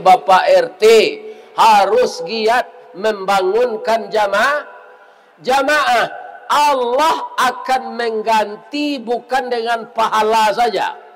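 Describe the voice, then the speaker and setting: Older Minangkabau preacher, lively storyteller, slightly high voice, keeps asking the congregation. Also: male voice. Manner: animated storytelling, tag questions to listeners. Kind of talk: sermon.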